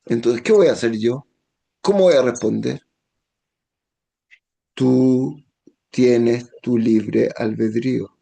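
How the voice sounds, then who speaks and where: A man, a rabbi, teaching a Torah lesson in a gentle tone, now and then acting out the voices he quotes. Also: medium pitch, slow, creaky, pauses often.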